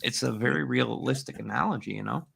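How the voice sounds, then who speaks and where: A man's voice: mid-range voice, a little fast, creaky, a bit bright, breathy edge, no room sound. A man in his forties hosting a spiritual podcast, talking in a reflective, meandering way with many fillers. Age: 40s. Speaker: podcast host and channeler. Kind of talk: casual conversation.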